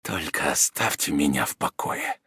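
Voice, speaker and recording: Feeble, sly dying Jesuit voiced by a male reader, slow half-whispered words, dry close sound. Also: rumbling low, lively intonation, sharp tone, slightly rough, no room sound, voice pushed down, full character voice. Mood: suffering. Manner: weak, halting, ironic, half-whispered. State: feverish and exhausted. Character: gravely ill, cunning, mocking male Jesuit.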